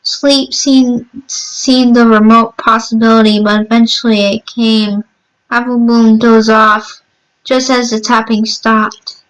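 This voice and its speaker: A woman narrating a scripted horror story, reading haltingly and often repeating words as she goes. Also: fairly high pitch, level tone, clean tone, low-quality recording.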